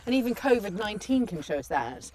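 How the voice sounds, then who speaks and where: A woman's voice: medium pitch, sing-song, quick pace, darkish tone, slight background noise. A female physiotherapist co-hosting a podcast, chatting enthusiastically and agreeably while walking outdoors. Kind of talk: casual chat on a walk. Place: outdoors in woods on a walk. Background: faint birdsong and nature ambience.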